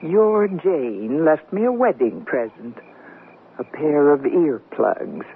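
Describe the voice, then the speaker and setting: This deep-voiced woman delivers her lines slowly, with a breathy edge, big pitch swings and heavily acted flair. Her character is a middle-aged newlywed in a 1970s radio comedy, dry, wisecracking and bantering throughout. Expect the noise and narrow bandwidth of a 1970s radio recording.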